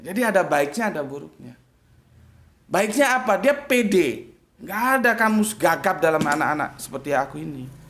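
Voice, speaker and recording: A man giving an informal religious talk, blunt and combative, with big swings up and down in pitch. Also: expressive, moderate pace, a bit bright. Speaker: preacher and debater.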